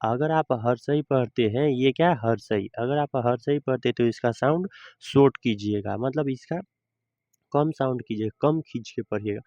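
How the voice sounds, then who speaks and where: A man teaching a reading lesson, slowly explaining each word and answering his own questions. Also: mid-range voice, a little mellow, no room sound, highs cut off.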